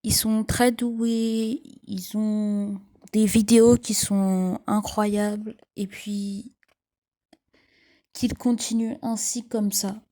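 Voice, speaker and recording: Young female vlogger, relaxed dark tone, sleepy morning voice, unhurried casual delivery. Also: medium pitch. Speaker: train enthusiast vlogger. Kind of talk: casual FAQ vlog talk.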